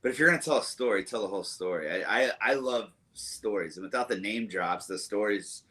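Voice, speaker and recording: A young man from the American South with a very low voice talks as a guest in a relaxed interview. He rambles fondly, stopping and restarting with plenty of fillers. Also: a little fast. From Southern United States. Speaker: musician guest. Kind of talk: casual interview chat.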